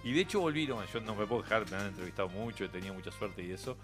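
A middle-aged man with a Uruguayan accent, a radio interview guest chatting casually and telling animated stories with frequent laughter. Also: fairly low pitch, rapid-fire, soft background music. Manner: animated storyteller, laughs often.

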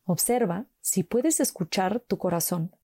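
A woman slowly guiding a mindfulness walk with calm, gentle instructions and long pauses. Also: medium pitch, husky, dry recording, studio quality. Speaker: meditation guide.

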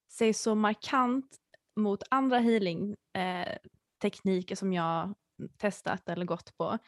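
Woman host, mid pitch, dry close sound, thoughtful measured talk, casual interview. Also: dry recording.

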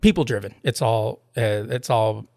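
The man's voice sits on the low side, creaky and a little mellow, at a normal speed. As a podcast host he chats casually, wanders through anecdotes, and performs both sides of the exchanges he recounts, captured in studio quality with no room sound.

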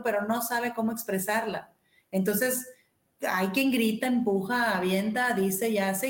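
A woman hosting a radio talk show, explaining to listeners in a lively storytelling way. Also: medium pitch. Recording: roomy echo.

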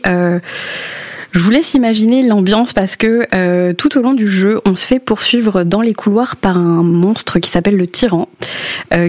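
A woman's voice: fairly low pitch, a little mellow, no room sound. French woman giving a games chronicle. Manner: hesitant, many fillers, laughs often. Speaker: columnist on video games. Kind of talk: radio-style chronicle, casual spoken.

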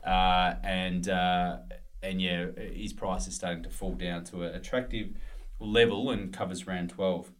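A man's voice: sits low, flat delivery, measured pace. A male podcast co-host in casual sports chat, rambling through team news with plenty of fillers.

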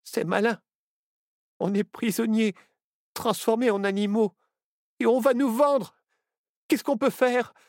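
A man doing a young boy changed into a fox, his voice lifted well above the reader's own. Worried but quick-witted, he speaks up close in a dry read. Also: very high-pitched, fairly even intonation, no echo, voice pushed up. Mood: distressed.

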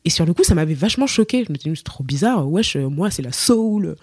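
A woman's voice: deep voice, sing-song, quick pace, a little mellow, breathy edge, no echo, studio quality. A woman from Cameroon, a singer, telling her story in a casual interview and acting out the voices she quotes. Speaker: singer, podcast guest.

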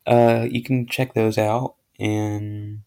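A man's voice: fairly low pitch, level tone, takes it slowly, dark tone. A young man hosting his own podcast, giving a casual, rambling update full of fillers and self-corrections. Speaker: podcast host.

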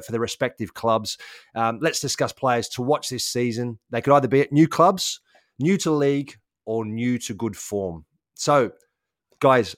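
A man's voice: mid-range voice, no room sound, studio quality. A man hosting a football podcast, chatting casually and teasing his guests in a jokey way. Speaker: podcast host. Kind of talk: casual chat. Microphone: video call.

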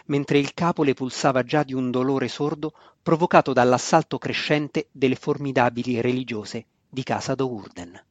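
A man reading a fantasy novel aloud in a steady, measured scripted narration. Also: medium pitch, no echo. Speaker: audiobook narrator. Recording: dry, slightly dull lo-fi recording.

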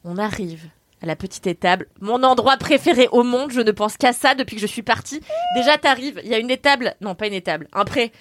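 A young woman telling a travel story on a podcast, animated and slangy, laughing often. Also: a little high, a little fast. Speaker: podcast co-host. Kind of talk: casual chat, storytelling.

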